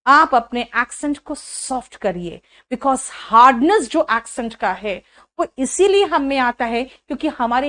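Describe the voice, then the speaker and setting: A woman's voice: sits high, a bit bright. A woman English teacher from India, giving an online class and quizzing her students, calling them "beta". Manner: addresses students as beta, asks quiz questions.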